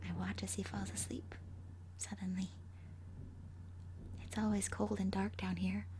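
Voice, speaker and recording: A woman voicing the gleefully vengeful ghost of a five-year-old girl in a horror story, hushed and haunting, breathy, often slipping into a whisper. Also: mid-range voice, little pitch movement, measured pace, slight background noise, natural voice. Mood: hushed, menacing. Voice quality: breathy, husky. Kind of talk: first-person horror story narration.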